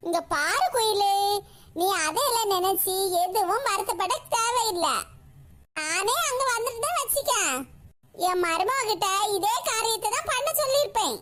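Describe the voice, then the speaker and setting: A woman's voice: very high-pitched, animated, normal speed, a bit bright. A woman voicing a kindly, forgiving older aunt in a cartoon, soothing and coaxing as she talks. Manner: soothing, coaxing, calls others "makka". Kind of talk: cartoon voice acting.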